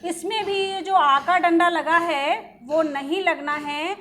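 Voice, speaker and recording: High-voiced, slow Hindi teacher woman. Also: sharp tone. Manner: patient, repeats and drills words, asks the class questions. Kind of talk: online spelling lesson.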